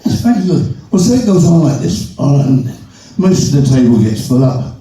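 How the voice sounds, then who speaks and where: A man's voice: mid-range voice, sing-song, moderate pace, dark tone. A man telling jokes to a live audience, rambling with stumbling restarts and chuckling at his own punchlines, heard from far off in a large echoey hall. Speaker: joke teller.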